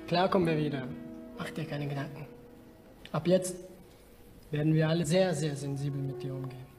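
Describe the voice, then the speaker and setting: An actor playing a streetwise, drug-addicted young man who talks bluntly in rough slang but with care. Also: fairly high pitch, fairly even intonation, brisk, over music, natural voice. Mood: earnest. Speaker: film character. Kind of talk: film drama dialogue.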